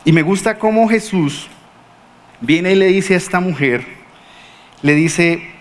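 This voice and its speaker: Colombian pastor preaching, acts out the characters, keeps asking the crowd stuff, voice a bit high. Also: male voice, slow pace. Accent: Colombian Spanish. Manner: animated storytelling, acting out quoted speakers; rhetorical questions to the congregation. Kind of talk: sermon.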